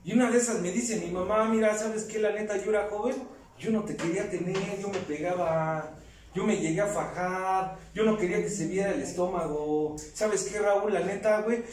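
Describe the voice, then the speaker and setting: A man's voice: high-pitched, moderate pace, darkish tone, slight background noise. A man with a Mexican accent giving an emotional personal testimony at a recovery group meeting, speaking straight to the group. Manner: impassioned, addresses the group directly as "compañeros" and "güey". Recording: very echoey hall, voice heard from far off.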